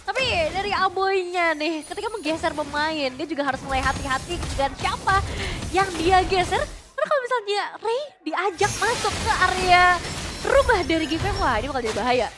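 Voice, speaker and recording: An Indonesian woman with a high voice gives esports caster commentary in a conversational manner. Music is clearly heard behind her. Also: lively intonation, moderate pace.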